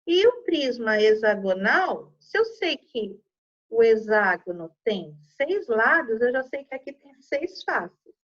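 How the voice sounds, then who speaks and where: A woman's voice: fairly high pitch, very animated, slow pace, muffled recording. A woman teacher with a Brazilian Portuguese accent giving a patient, step-by-step math lesson to children, checking in after each point.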